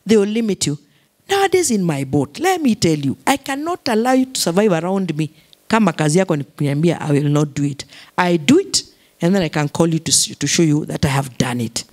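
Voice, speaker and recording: A woman's voice: on the low side, sing-song, fairly quick, a little mellow. A Kenyan woman pastor preaching a sermon, repeating key phrases, mixing English with Swahili and calling for responses from the congregation.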